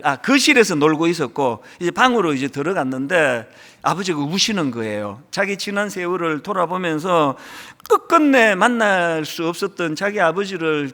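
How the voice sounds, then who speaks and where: A middle-aged man preaches to his congregation, his voice high and lively as he retells a story and acts out lines with swelling feeling. The sound rings with long reverb from a large church hall. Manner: storytelling, acting out film lines with rising emotion. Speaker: pastor. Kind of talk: sermon.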